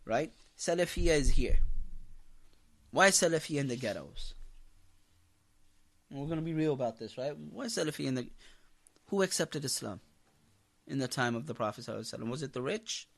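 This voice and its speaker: In a gravelly, mid-range voice, an imam lectures a congregation with animated energy, speaking fairly quickly but pausing often. His impassioned religious class is full of emphasis, repeated key phrases, and rhetorical questions.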